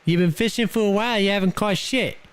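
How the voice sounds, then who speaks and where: A young adult man livestreams from a VR game's voice chat, speaking casually while brashly mocking and teasing the strangers he runs into. He talks fast in a high-sitting, clean-toned voice.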